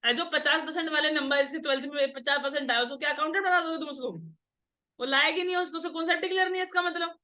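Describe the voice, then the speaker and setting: A woman's voice: high voice, fairly even intonation, quick pace, bright, forceful tone. A woman teaching an accounts class, lecturing and drilling students with questions in a scolding, teasing way.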